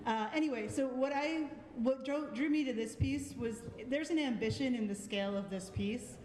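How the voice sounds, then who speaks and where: Soft background music plays as a woman with a high, slightly mellow voice critiques art pieces live at a moderate pace. She's an art show juror with a Boston accent, friendly and thoughtful, with many ums. The recording has the long reverb of an echoey hall.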